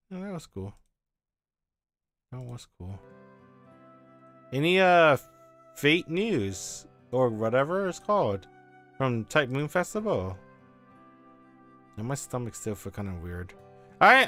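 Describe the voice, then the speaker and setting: A tired male streamer chatting casually and reading game narration aloud, animated and swearing now and then. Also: a little high.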